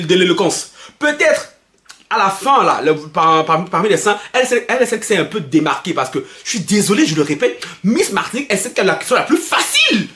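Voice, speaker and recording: A young man from Belgium giving animated gossip commentary as a YouTuber, excitable and mocking, laughing often and stumbling over restarts. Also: high-pitched, echoey room. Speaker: YouTuber commenting on pop culture.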